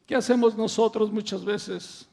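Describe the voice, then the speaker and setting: Guy preaching a sermon, fired up, asks the church lots of questions, gravelly voice. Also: sits high, fairly even intonation, measured pace, a little mellow. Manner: impassioned preaching, swelling to emphatic peaks; rhetorical questions to the congregation.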